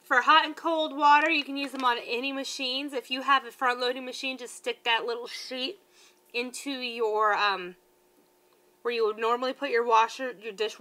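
Recorded on a close webcam in her living room, a thirty-something woman talks informally through a product review and occasionally trips on her words. She has a fairly high, bright, forceful voice.

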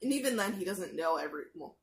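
A young anime reaction YouTuber chats casually from a small bedroom about an episode she's watching, rambling with lots of fillers, restarts and quick asides. Her voice is lowish and gravelly with lively intonation, picked up by a gaming headset mic.

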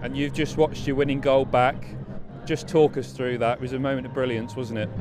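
A man interviewing a player after a match, asking conversational leading questions outdoors at a pitch. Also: flat delivery, brisk, noisy background. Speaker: club TV interviewer. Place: outdoors at a football pitch at night.

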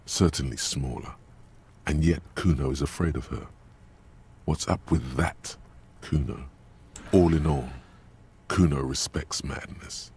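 A deep gravelly game narrator. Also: male voice, darkish tone, full character voice. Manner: grave, measured, coaching. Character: man, stern inner narrator voice of a detective. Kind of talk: video game voice acting.

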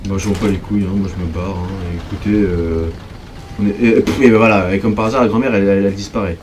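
A young man commenting on a horror game as he plays, jumpy and excitable, talking straight to his viewers. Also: low-pitched, quick pace, background noise. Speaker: gaming video creator. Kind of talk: let's play commentary.

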